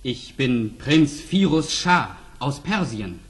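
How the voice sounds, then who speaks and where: Speaking slowly in a husky, medium-pitched male voice, an actor plays an ardent, courteous young Persian prince. His delivery is very animated and heavily acted, in the earnest, declamatory style of a fairy-tale radio play.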